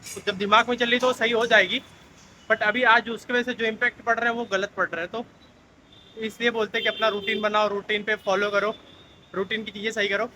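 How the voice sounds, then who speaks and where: A man's voice: high voice, little pitch movement, fairly quick, bright, forceful tone, slight background noise, low-quality recording. A young man vlogging casually, telling a story in a chatty, ranting way while walking through a station and streets. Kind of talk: casual vlog talk to camera. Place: Mumbai local train station and streets, outdoors.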